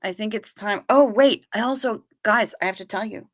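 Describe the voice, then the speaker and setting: A woman in her fifties from the Niagara Falls region hosts a livestream, playfully chatting and reading viewer comments while answering people by name. Her voice is medium-pitched and moves at a normal speed. The recording is dry and of studio quality.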